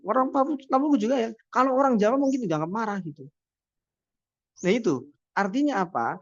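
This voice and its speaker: A high-pitched man delivers a university lecture in a conversational way, asking rhetorical questions and then answering them himself. The recording is dry with no echo, and the lo-fi sound is dull.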